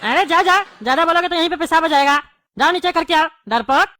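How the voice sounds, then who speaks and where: A woman's voice: very high voice, fast, pushed and bright, no room sound. A woman, playing a quarrelsome neighbour in a scripted comedy sketch. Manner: scolding, quarrelsome. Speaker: comic character, bald neighbour.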